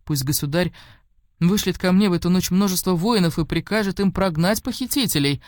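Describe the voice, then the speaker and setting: A woman's voice: on the low side, brisk, a little mellow, dry recording, lightly acted. A tearful old foster father, doting and desperate, heard in a storybook reading, as a woman narrator puts him on. His pleas come dry and close, with no room around them. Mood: pleading. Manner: pleading, tearful.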